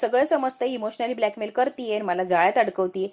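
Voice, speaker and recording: A woman's voice: a little high, a little fast, a little mellow, close to an everyday voice. A woman reading the lines of a stubborn young male lawyer refusing a case, curt and firm. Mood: defiant.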